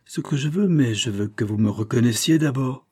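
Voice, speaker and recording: A man's voice: medium pitch, moderate pace, dark tone, dry recording, studio quality, voice pushed up, close to an everyday voice. A man reading a story, voicing a coarse, menacing young vagabond who taunts and sneers. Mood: taunting. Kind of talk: audiobook character reading.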